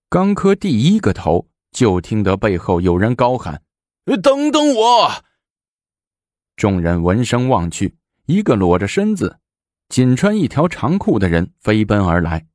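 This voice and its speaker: A man tells a historical story in an animated, dramatic way. His voice sits low and sounds dry and close to the mic. He leans into the tense moments. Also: a little slow, dry recording.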